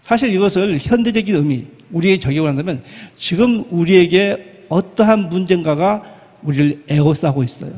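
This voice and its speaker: A male pastor preaching a sermon, animated, asking the congregation rhetorical questions and acting out quoted speech. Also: high-pitched, brisk, husky, big-room sound. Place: church sanctuary.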